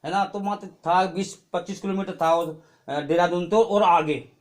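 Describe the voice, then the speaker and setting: A man's voice: high voice, normal speed. A middle-aged man giving a spoken testimony at a church gathering. He tells his story in a chatty way and keeps adding tag questions. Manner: chatty storytelling with frequent "hai na" tags. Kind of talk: spoken testimony at a prayer meeting.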